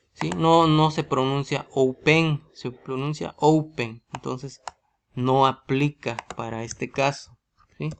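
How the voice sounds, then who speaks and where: A man with a Mexican Spanish accent explaining English grammar rules in a video lesson, asking himself questions and checking in with "¿sí?" all the time. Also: a little high. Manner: asks rhetorical questions, often adds a tag "¿sí?". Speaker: English teacher.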